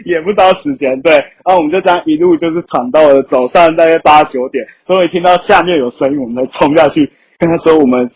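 A man's voice: a little high, quick pace, hardly any pauses, rough recording. A young adult man with a Taiwanese accent telling stories casually as a podcast guest, often with a chuckle. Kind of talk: casual anecdotal storytelling. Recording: rough amateur podcast audio.

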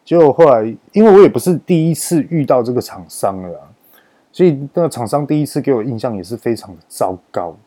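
A man with a Taiwanese Mandarin accent talks through a story from his job in a loose, emphatic monologue. His voice sits in a mid register with a dark, mellow color. He leans on drawn-out particles at the ends of sentences to drive his points home. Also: mid-range voice. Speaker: podcast host.

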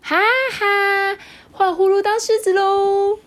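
A woman's voice: sits high, wildly swooping pitch, moderate pace, voice pushed up. A woman doing a squealing little rabbit girl. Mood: excited. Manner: loud, squealing, bouncy. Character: excitable little female rabbit.

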